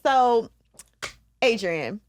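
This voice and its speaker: A woman's voice: a little high, very slow. A woman from Chicago hosting a podcast, chatting casually and playfully with slang. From Chicago, Illinois. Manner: lively, playful, lots of slang. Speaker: podcast host, founder.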